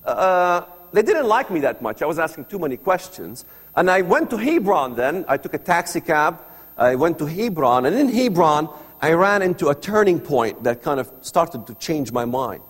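In a large hall, a man from the Palestinian territories with Arabic as his first language delivers a personal testimony to an audience, speaking earnestly and full of rhetorical questions. His fairly high, slightly rough voice is very animated and moves at normal speed.

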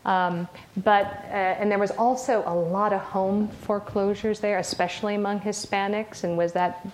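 Speaking to a lecture-room audience that asks questions, the woman presents her academic talk conversationally, often using fillers and restarting. She has a medium pitch and a steady tone at normal speed, with slight hiss or hum audible.

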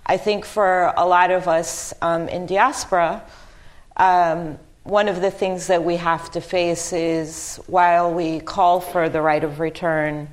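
On a discussion panel, a Lebanese woman who is a history professor speaks in a notably low voice with fairly even intonation. She is thoughtful and halting, restarting sentences and filling pauses with ums.

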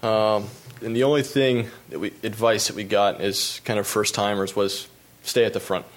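Over background noise, a young US pro cyclist tells stories from his races in a slide presentation. His somewhat low voice stays easygoing, full of ums and uhs, and he chuckles at his misfortunes.

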